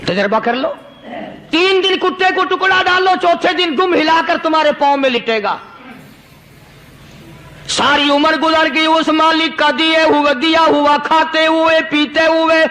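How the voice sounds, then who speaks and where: A male preacher tells a story in a sermon with impassioned, dramatic delivery. His voice sits very high and rings bright and forceful. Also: low-quality recording.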